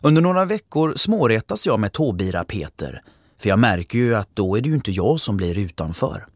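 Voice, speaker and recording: A man narrating a first-person story, calm and reflective. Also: on the low side, husky, no echo, studio quality.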